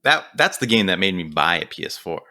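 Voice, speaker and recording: A man in his thirties, a podcast guest, agreeable and quick to chuckle. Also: low-pitched, big pitch swings, pushed and bright. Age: 30s. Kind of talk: casual chat.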